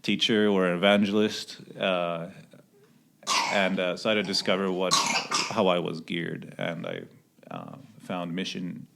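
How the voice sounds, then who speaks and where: A man, a missionary answering interview questions hesitantly with many pauses and restarts. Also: low-pitched, animated, gravelly, heavy background noise. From Sweden. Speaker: missionary pilot.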